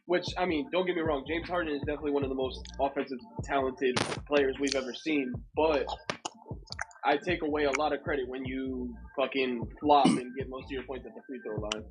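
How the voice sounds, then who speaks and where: A man co-hosting a casual basketball chat, relaxed and agreeable, with casual swearing. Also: mid-range voice, brisk, noisy background. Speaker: co-host.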